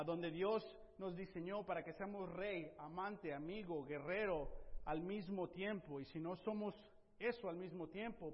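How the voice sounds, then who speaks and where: A middle-aged man, a pastor delivering a church sermon and urging the congregation with repeated amens. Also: sits high. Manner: exhorting, frequent "amén", drops to soft emphasis at phrase ends. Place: church sanctuary. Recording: dull, roomy church hall recording.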